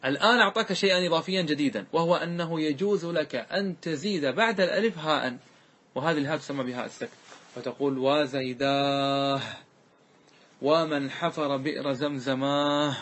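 A sheikh, a man, teaches classical grammar in a slightly high, husky voice. He walks through each rule step by step and keeps checking that his listeners are following. When he recites example words, he draws them out slowly. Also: a bit bright. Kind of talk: classical Arabic grammar lesson.

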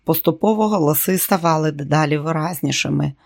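A male narrator giving a steady, dramatic reading of a novel. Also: on the high side, brisk, creaky. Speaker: audiobook narrator. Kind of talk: scripted narration.

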